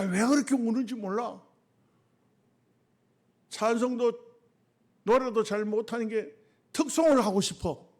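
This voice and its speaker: A middle-aged male pastor, preaching colloquially, asking the congregation questions and repeating short phrases, going from loud bursts to quiet asides. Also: sits high. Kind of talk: sermon.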